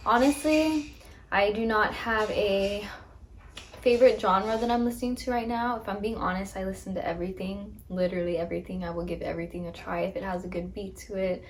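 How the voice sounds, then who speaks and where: A woman's voice: mid-range voice, steady tone, a little fast, slight background noise. A woman in her twenties chatting casually about herself, upbeat and full of ums, recorded on a phone. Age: 20s. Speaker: podcast host. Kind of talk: casual get-to-know-me chat. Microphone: phone camera.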